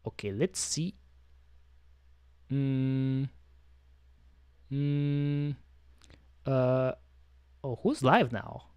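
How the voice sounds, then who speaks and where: A man's voice: mid-range voice, extremely slow, long pauses, darkish tone, smooth, no room sound. A man chatting casually on his stream, rambling and talking to himself with many fillers and restarts. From French-speaking. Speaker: VTuber streamer.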